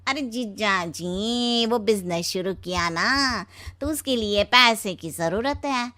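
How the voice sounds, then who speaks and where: A woman's voice: medium pitch, takes it slowly, bright, forceful tone. A woman voicing an ingratiating younger brother-in-law who drawls his words in a dramatised story. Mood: ingratiating, casual. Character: smooth-talking, money-borrowing younger brother-in-law. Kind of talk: dramatised Hindi audio story.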